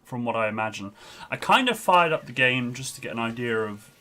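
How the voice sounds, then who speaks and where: A man's voice: medium pitch, lively intonation, a little fast, pushed and bright. A man doing casual live-stream game commentary into a headset, out of breath and chatty, with frequent ums.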